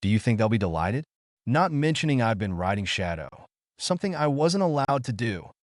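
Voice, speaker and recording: A man voicing a secretive young male wizard in a read-aloud story, speaking calmly with a harsh, knowing edge. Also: medium pitch, normal speed, dry recording, clean studio sound, close to an everyday voice. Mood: threatening. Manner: calm, cutting, knowing. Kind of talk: audiobook character voice.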